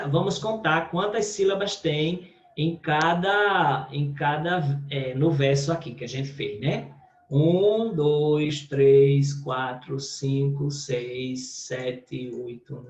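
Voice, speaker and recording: A male teacher with a Brazilian Portuguese accent, patiently explaining a recorded lesson with many check-ins to the class. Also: a little high. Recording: echoey room, dull lo-fi audio.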